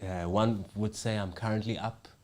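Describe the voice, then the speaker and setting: A man's voice: on the low side, fairly even intonation, moderate pace, darkish tone. A man chatting as a podcast guest, laid-back and slangy, laughing easily. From South Africa. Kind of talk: casual chat.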